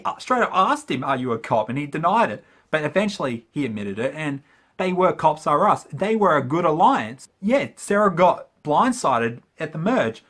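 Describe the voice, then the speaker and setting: A man's voice: a little high, fairly bright tone, slightly rough. A man giving a casual, chatty review of a TV show, using lots of fillers and getting emotional as he talks. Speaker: video reviewer.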